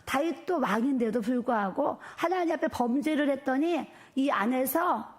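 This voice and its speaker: A middle-aged woman pastor preaching a sermon in a church, emphatic and animated, with many repeated fillers. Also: high-pitched, normal speed. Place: church sanctuary.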